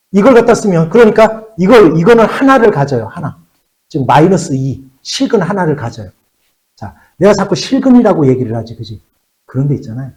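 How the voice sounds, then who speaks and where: A man teaching a math class to high school students, often repeating key words and checking that they follow. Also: a little mellow, rough recording.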